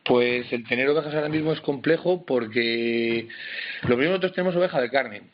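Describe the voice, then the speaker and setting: A man's voice: medium pitch, brisk, a little hiss or hum. A man who farms sheep and cattle, talking plainly and hesitantly in a radio interview, often restarting his sentences. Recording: dull lo-fi phone line.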